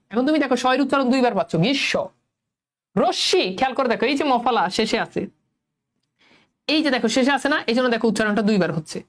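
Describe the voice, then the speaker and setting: A young woman teacher with a colloquial Bangladeshi Bengali accent, leading an online lesson and quizzing her students in a coaxing way. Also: fairly high pitch. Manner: coaxing, quizzes students, repeats words slowly.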